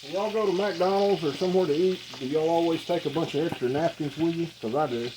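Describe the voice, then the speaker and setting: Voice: mid-range voice, quick pace. A plainspoken, folksy home cook with an Arkansas Southern accent, chatting casually while cooking in a home kitchen. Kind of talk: casual cooking vlog chat. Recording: clear frying sizzle and kitchen noise. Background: frying food sizzle, stirring.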